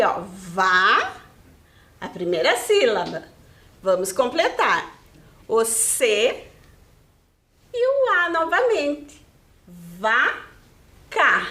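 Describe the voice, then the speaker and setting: A woman with a Brazilian Portuguese accent teaching a video lesson to first graders, speaking slowly and patiently in a sing-song teacher voice. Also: fairly high pitch, fairly bright tone.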